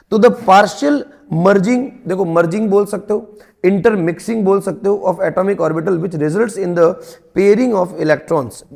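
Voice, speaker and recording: A male chemistry teacher, lecturing in a mix of Hindi and English. He asks questions and answers them himself, and he reads definitions slowly. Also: high voice, gravelly, darkish tone. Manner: explains step by step, asks and answers his own questions.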